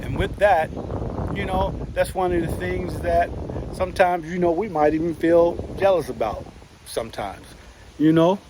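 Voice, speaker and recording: A man talking casually to camera from his yard, relaxed and folksy, with lots of "you know" fillers. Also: fairly high pitch, normal speed, background noise. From United States. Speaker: vlogger.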